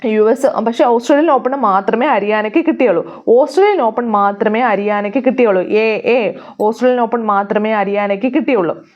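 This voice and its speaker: A woman's voice: on the high side, normal speed, highs cut off. A woman teaching an exam-prep lesson, asking questions and answering them herself while repeating key names. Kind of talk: casual explanatory lesson.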